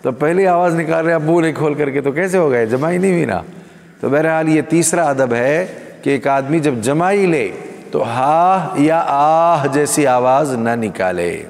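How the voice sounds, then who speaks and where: A man's voice: a little high, expressive, vocal fry, darkish tone. A man preaching a sermon to a live gathering, asking rhetorical questions and speaking directly to the audience. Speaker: Islamic preacher. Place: gathering hall. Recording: long hall reverb.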